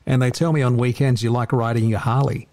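A man's voice: mid-range voice, steady tone, quick pace, darkish tone, slight background noise. Australian man interviewing casually, mid-range voice. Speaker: radio interviewer.

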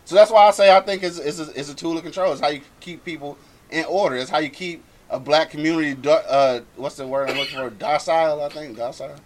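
A man's voice: a little high, fast. A man talking casually in a group discussion, using informal, profane slang.

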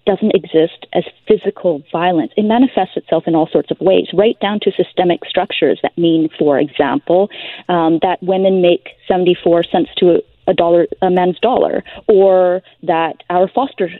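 A Canadian woman, a politician, speaking in a measured, earnest way as a guest on a radio talk show over the phone. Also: fairly low pitch, fairly even intonation, dry recording. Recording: tinny phone line.

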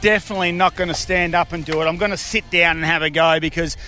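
A man's voice: fairly high pitch, fairly even intonation, fast talker, pushed and bright, soft background music. A man with an Australian accent co-hosting a live outside radio broadcast, joking at his own expense. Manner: self-mocking, jokey. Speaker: radio co-host.

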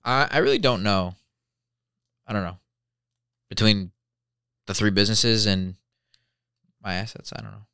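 A man's voice: lowish voice, a little slow, vocal fry, pauses often, bright, forceful tone, clean tone, dry recording, studio quality. A man in his late twenties with an American accent, chatting casually in a blunt, slangy, sweary way. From born in Belarus, moved to the US at three. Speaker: guest answering searched questions about himself. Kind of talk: casual chat.

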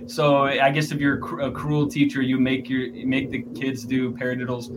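A man giving a casual interview as a musician, rambling and thinking aloud with halting phrasing. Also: mid-range voice, completely flat delivery. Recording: clear background noise.

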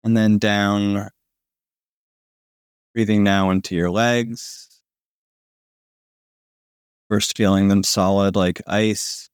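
A man narrating a guided sleep meditation in a slow, soothing manner with long pauses, like a sleep story narrator. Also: lowish voice, level tone, smooth, no echo, clean studio sound. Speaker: podcast host guiding a sleep meditation.

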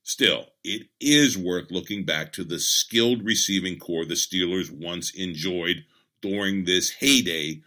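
A man hosting a sports podcast, reading a scripted opinion update in a measured, emphatic way. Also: sits low, pushed and bright.

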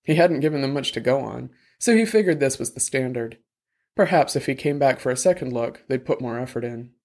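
A man's voice: medium pitch, expressive, fairly quick, darkish tone. Man narrating a detective story. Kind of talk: scripted audiobook narration.

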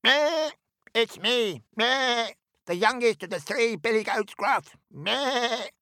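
Little billy goat kid, high, bleating, timid, dry. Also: male voice, animated, slow pace, bright, forceful tone, no echo, exaggerated voice. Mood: pleading.

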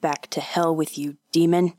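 A brave young samurai in a storybook tale, as a woman narrator voices him, speaks with tense, hushed urgency. His tone sits a little low, with a close, dry sound. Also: flat delivery, moderate pace, no echo. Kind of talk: audiobook character voice.

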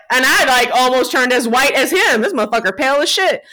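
A woman co-hosting a podcast, telling a story in a casual, animated way, laughing often and swearing freely. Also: high-pitched, fast talker. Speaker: podcast co-host.

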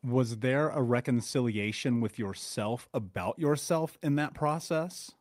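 A man's voice: medium pitch, measured pace, a little mellow, dry recording. A man hosting a podcast, asking earnest, reflective questions of his guest. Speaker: podcast host. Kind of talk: interview questions.

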